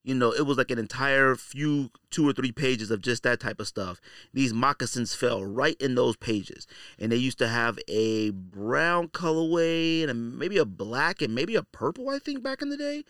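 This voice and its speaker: A male podcast host with a medium-pitched, expressive, fairly bright voice speaks at a normal pace in clean studio sound with no room echo. His commentary is casual, opinionated and slangy, repeating phrases for emphasis.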